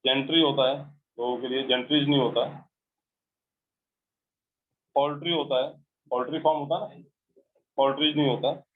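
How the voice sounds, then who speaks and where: A man's voice: mid-range voice, steady tone, moderate pace, pauses often. A man teaching an English grammar class with an Indian English accent, explaining by repeating points and checking that students understand. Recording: tinny phone-like recording.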